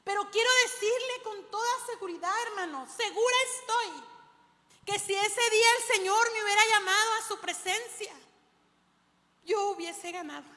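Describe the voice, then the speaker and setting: A woman preaching in a very high, bright voice. She tells stories from the pulpit and keeps turning to her listeners as "brother". Her voice carries a long reverb from the hall. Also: moderate pace. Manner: storytelling, often addresses listeners as brother. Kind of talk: sermon.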